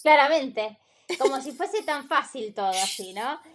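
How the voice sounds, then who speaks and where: A woman's voice: high-pitched, lively intonation, unhurried. A woman co-hosting a podcast, retelling stories in a conversational way with many fillers and tag questions. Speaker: podcast co-host. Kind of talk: casual podcast chat.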